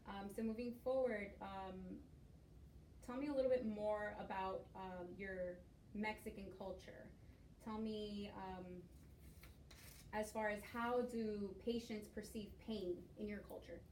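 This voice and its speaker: In a skills lab room, a young woman from Miami, United States, leads a class presentation conversation, hesitant and full of fillers. Her medium-pitched voice is unhurried, fairly even and a little mellow; the mic is at a distance, with roomy echo and faint noise.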